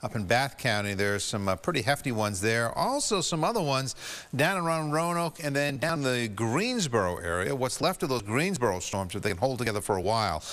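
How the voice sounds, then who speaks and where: An American man gives an ad-libbed weather forecast. His voice is mid-pitched and carries a long reverb. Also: fairly bright tone. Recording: long reverberant room sound.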